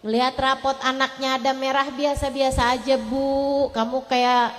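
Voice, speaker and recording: High-voiced woman preacher, echoing hall. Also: moderate pace, soft background music. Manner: pleading, animated, rhetorical. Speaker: Islamic preacher (ustazah). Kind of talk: sermon. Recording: echoey hall reverb.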